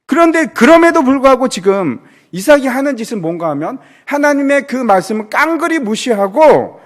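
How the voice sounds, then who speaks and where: Lively, high-voiced male preacher. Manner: dramatic preaching, acting out characters' words; asks and answers rhetorical questions. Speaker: pastor. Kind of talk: sermon. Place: church.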